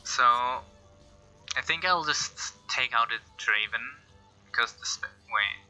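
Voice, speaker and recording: A man's voice: medium pitch, slow pace, bright, forceful tone, clean tone, rough recording. A man giving casual game commentary, thinking aloud in a hesitant way. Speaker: gameplay commentator.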